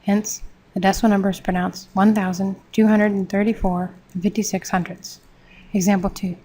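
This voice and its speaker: A woman teaching a math lesson, reading textbook steps in a steady, measured way. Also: mid-range voice, low-quality recording. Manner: steady, measured, step-by-step explanation.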